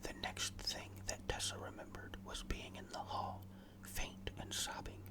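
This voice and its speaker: A storyteller reading a ghost story in a hushed, suspenseful whisper, deliberate and fully unvoiced, in an ASMR style.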